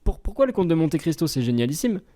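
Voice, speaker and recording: Young dude on a movie podcast, warm darkish voice, reads critics out loud then snarks at em. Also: male voice, fairly high pitch, big pitch swings, fast. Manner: reads press reviews aloud, then comments sardonically. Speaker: co-host film critic. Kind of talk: casual podcast chat.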